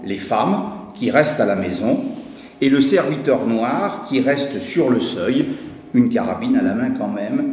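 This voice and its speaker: A man's voice: medium pitch, darkish tone. A man giving a conference talk, reading a prepared academic paper, then hesitating and restarting when he speaks freely. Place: university lecture hall. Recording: echoey hall recording with faint noise.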